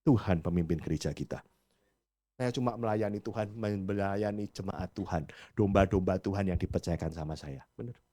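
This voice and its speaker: A man preaching a sermon as a pastor, emphatic, swinging between loud urging and quiet stress. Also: low voice, moderate pace.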